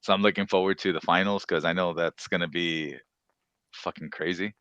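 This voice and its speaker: Deep, bright-voiced rambling man on a podcast. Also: fairly even intonation, brisk, clean tone, dry recording, highs cut off. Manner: rambling, swearing, many "you know" asides. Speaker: podcast host. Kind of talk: casual chat about games and shows.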